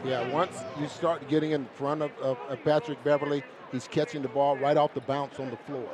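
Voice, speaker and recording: A man giving color commentary on a basketball broadcast, talking in a relaxed, conversational way with some halting restarts. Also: medium pitch, crowd noise. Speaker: color analyst.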